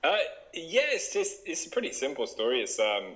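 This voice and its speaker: A man's voice: medium pitch, wildly swooping pitch, moderate pace, bright, forceful tone, poor audio. A young man from Wales, a yoga teacher chatting casually in an interview, upbeat and laughing often.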